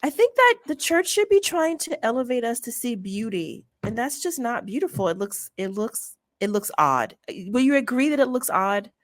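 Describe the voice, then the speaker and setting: A woman's voice: on the high side, sing-song, normal speed, few pauses, no room sound. A woman co-hosting a casual debate, blunt and teasing in her objections. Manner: blunt, teasing, laughs often.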